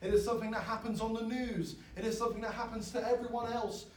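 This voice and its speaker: A man, preaching a sermon in an earnest, pleading way that swells loud and then drops soft. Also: very high-pitched, little pitch movement, fast talker, a little hiss or hum. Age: 20s. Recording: echoey, from far off.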